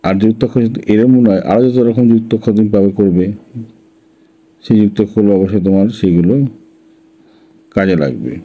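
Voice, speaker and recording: A man teaches an English phonics lesson, spelling words letter by letter before slowly sounding out each syllable. His voice is lowish and warm, though the audio is poor.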